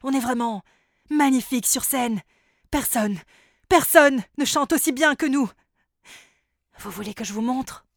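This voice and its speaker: A woman's voice: sits high, measured pace, pauses often, dry recording, studio quality. A woman putting on a vain, pompous elf pop singer. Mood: smug. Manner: pompous, self-admiring, showy. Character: vain, boastful male elf boy-band singer. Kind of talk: storybook character voice.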